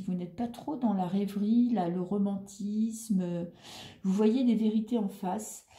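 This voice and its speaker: A woman's voice: mid-range voice, dark tone, echoey room. A woman reading tarot cards in a chatty, reassuring way, thinking aloud as she turns them. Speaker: tarot reader. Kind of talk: casual tarot reading monologue.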